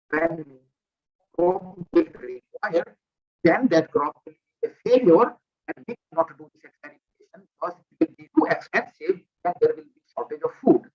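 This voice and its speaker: Male lecturer, high voice, dull lo-fi headset audio on a video call, careful explainer. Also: sing-song, moderate pace. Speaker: visiting lecturer. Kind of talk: online lecture.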